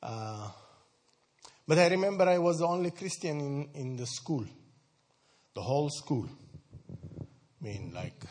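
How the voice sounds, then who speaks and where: A man's voice: a little high, lively intonation, a little slow, pauses often, a little mellow. A man from Sudan, giving a conversational talk to a church group, asking his listeners questions and laughing often. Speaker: speaker addressing a church group. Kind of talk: informal talk to an audience.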